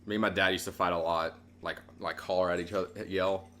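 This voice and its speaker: A man's voice: low voice, level tone, fast talker, a bit bright. A man telling a story about his teenage years in laid-back, crude podcast chat. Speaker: podcast co-host. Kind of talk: casual chat.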